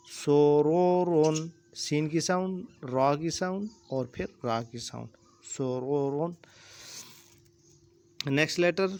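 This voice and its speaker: Patient man spelling out recitation slowly. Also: on the high side. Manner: patient, spells letters and vowel marks aloud, mixes English words into Urdu. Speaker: Quran reading teacher. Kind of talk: slow spelled-out recitation lesson.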